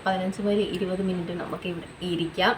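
A woman's voice: on the low side, little pitch movement, fast talker, heavy background noise. Chatty woman vlogger giving home beauty tips. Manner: chatty, repetitive, often adds tag questions to viewers. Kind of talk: casual home tutorial chat.

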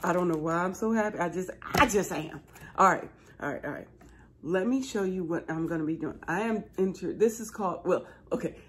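A woman's voice: on the low side, fairly quick, a bit bright. A middle-aged American woman chatting casually to her subscribers as a channel host, in an exuberant, folksy manner, repeating words for emphasis. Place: small living room, indoors, seated on a couch.

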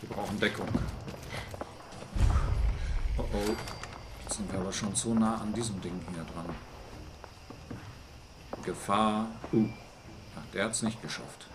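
A man giving live gameplay commentary, talking to himself and jumping into shrill bursts of panic. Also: unhurried, long pauses, background noise. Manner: excitable, talks to himself, jumps up to shrill panic. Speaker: let's play host.

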